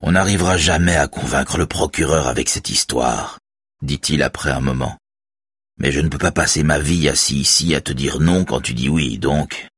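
A man reading a novel aloud in steady scripted narration. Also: extremely low pitch, normal speed, slightly rough, dry recording. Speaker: audiobook reader.

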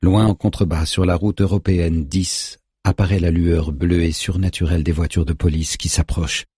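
A man narrating a thriller audiobook in a steady, tense storytelling manner. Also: sits low, moderate pace, husky, no echo, clean studio sound.

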